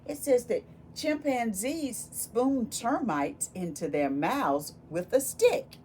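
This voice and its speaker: An animated woman with a highish voice reads a picture book aloud to children, unhurried and full of exclamations. As a volunteer reader, she speaks directly to the kids with questions and asides. There's steady background noise.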